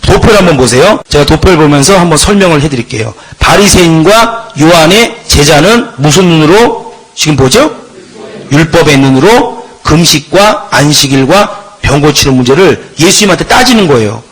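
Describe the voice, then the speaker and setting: A middle-aged man teaches scripture in an emphatic lecturing manner. His husky voice sits high, and he keeps putting rhetorical questions to the class. His pitch swings widely as he drives each point home. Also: animated, moderate pace, poor audio. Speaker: Bible teacher. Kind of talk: Bible lecture.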